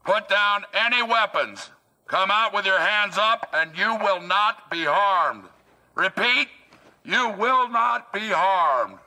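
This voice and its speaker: A man's voice: high voice, expressive, slow, pushed and bright, heavily acted, poor audio. An actor playing a stern male federal agent, announcing a raid through a megaphone in a formal, commanding way. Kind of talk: film clip.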